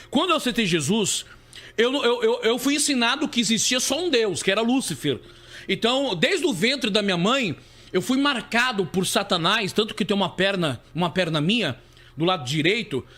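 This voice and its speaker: Bishop, man, high ringing voice, stammering live-stream testimony. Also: pushed and bright. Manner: repetitive, stammering restarts.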